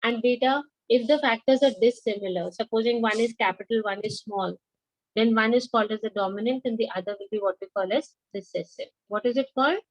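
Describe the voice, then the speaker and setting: A woman's voice: on the high side, a little fast, dry recording. A woman with an Indian accent teaching as a biology teacher, mixing English and Hindi and prompting students with questions. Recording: dull, band-limited lo-fi audio.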